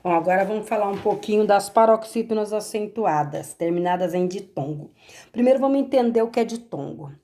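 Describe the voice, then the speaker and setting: Woman, Brazilian accent, teacher, warm low-key tone, patient step-by-step explaining. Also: fairly quick. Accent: Brazilian Portuguese. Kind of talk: correcting homework for pupils.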